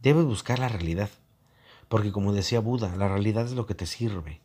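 A man's voice: fairly low pitch, a little fast, mellow, husky. A man giving a reflective monologue, mocking and acting out both sides of online arguments.

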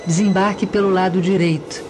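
A woman giving a recorded metro station announcement over a loudspeaker, in a measured, formal delivery. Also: mid-range voice, fairly even intonation, rough recording.

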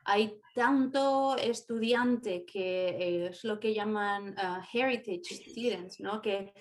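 A woman's voice: medium pitch, slow. A Spanish teacher from Spain, a woman with a Spain Spanish accent, talking in a casual, chatty conversation and often laughing.

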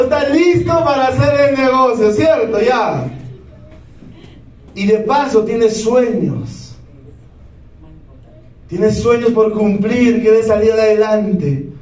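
A man in his thirties giving a lively motivational talk, keeps asking the audience yes or no. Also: very high voice. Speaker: motivational speaker. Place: large hall with a live audience. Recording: echoey hall, speaker far from the mic.

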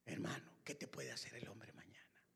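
A man preaching a sermon, swinging from hushed whispers to shouted exclamations. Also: medium pitch, lively intonation, brisk, creaky, slightly rough, big-room sound.

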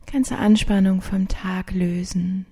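Soft breathy lady doing sleep meditation narration, super mellow, half whispered, really slow w long pauses. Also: medium pitch, flat delivery. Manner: soothing, hushed, partly whispered delivery with long pauses.

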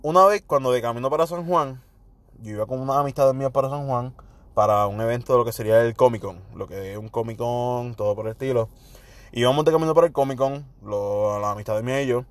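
A young Puerto Rican man casually telling personal stories, animated, slipping English slang into his Spanish and acting out what people said. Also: mid-range voice, quick pace, no room sound. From Puerto Rico. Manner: animated, mixes English slang, acts out quotes. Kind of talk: casual storytelling monologue.

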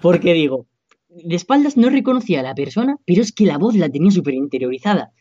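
A young man tells a story as a podcast co-host, relaxed and chatty. His voice sits a bit high for a man. The recording is dry and somewhat dull, lo-fi. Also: quick pace, dry recording. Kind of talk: casual chat.

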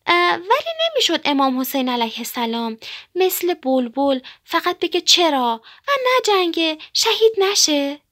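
A woman's voice: sits high, very animated, fairly bright tone, voice pushed up. A woman voicing a curious young girl who asks an earnest question.

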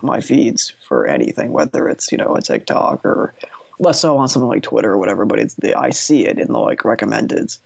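A man's voice: medium pitch, vocal fry, darkish tone, husky, dry recording. A man in a casual podcast chat, talking in long hesitant runs with dry sarcasm. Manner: rambling, hesitant, dryly sarcastic. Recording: dull lo-fi dry audio.

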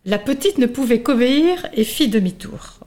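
Female storyteller, children's show host, fairly high voice, animated. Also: normal speed. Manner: lively, animated reading with hosting asides. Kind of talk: expressive children's story narration.

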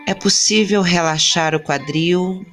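A woman leading a guided body-scan meditation in a soothing manner, giving short, unhurried phrases with long pauses. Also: on the low side, fairly bright tone, faint music behind. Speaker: guided relaxation instructor.

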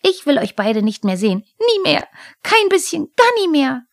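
A woman's voice: sing-song, normal speed, no room sound, clean studio sound. A woman voicing a cheeky, easily offended little male goblin who shrieks and whines in outrage. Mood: indignant. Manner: shrill, whiny, shouting in outrage.

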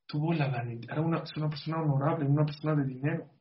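A man's voice: on the high side, fairly even intonation, very fast. A middle-aged man tells a moral story as a religious speaker, earnestly questioning his audience. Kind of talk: storytelling sermon. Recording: slightly muffled lo-fi audio.

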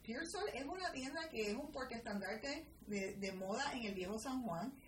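A woman's voice: on the high side, expressive, normal speed. A woman hosting a business podcast, talking energetically with many fillers and restarts. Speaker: podcast host. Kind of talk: podcast interview. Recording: roomy, distant mic with clear noise.

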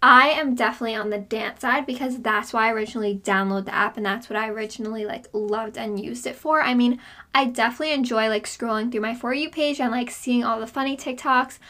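A woman's voice: fairly high pitch, fast talker, bright, forceful tone. A woman co-hosting a podcast in casual chat, gushing and emphatic with lots of "like", recorded inside a small hot closet. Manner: gushing, emphatic, heavy use of "like". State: overheated. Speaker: podcast co-host.

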